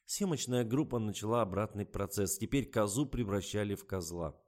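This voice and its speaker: A man's voice: fairly low pitch, expressive, moderate pace, darkish tone. A man reading a comic novel aloud as scripted narration, with a wry, ironic delivery. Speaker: audiobook reader.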